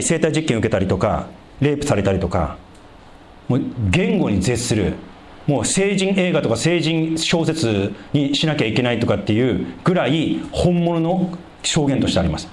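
A pastor preaches a sermon, posing rhetorical questions to the congregation. He swings between loud emphasis and hushed, low passages.

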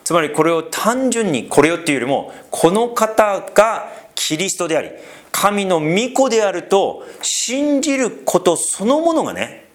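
A man preaches a sermon as pastor in a voice that sits high, at normal speed. He is conversational and animated, using frequent fillers and asides to the congregation.

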